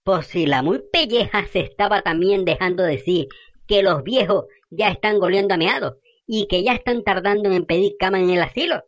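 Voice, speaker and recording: A woman's voice: medium pitch, normal speed, muffled recording, lightly acted. A woman playing a fiery, foul-mouthed middle-aged gossip who rants indignantly in rural slang.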